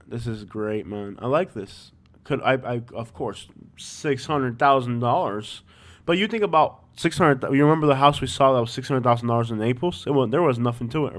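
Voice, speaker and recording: A man with a Miami accent hosting a livestream, chatting informally and thinking aloud as he comments. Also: mid-range voice. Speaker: livestream host. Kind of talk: casual chat, live commentary on property listings.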